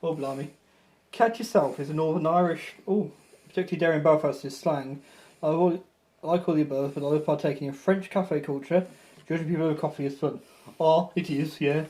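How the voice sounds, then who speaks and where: A man's voice: a little high, a little fast, dark tone, a little hiss or hum. A man co-hosting a livestream and moderating its chat, bantering in a dry, teasing way. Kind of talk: casual live-stream chat.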